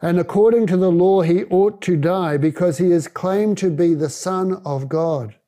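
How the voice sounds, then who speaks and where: A man's voice: high voice, moderate pace, dark tone, pitched above the performer's own voice, close to an everyday voice. A man voicing an angry, accusing crowd of men in a scripture reading. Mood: insistent.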